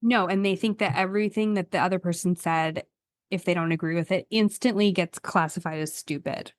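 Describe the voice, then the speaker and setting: A woman co-hosting a chatty podcast, animated and quick to laugh, with teasing, mocking asides. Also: lowish voice, dry recording, clean studio sound. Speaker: podcast co-host. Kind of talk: casual chat.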